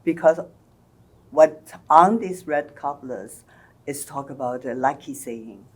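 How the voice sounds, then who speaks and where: Older woman, very low pitch, unhurried, guest telling stories. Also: slightly rough. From China and Taiwan. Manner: careful, explanatory storytelling. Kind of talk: conversational interview.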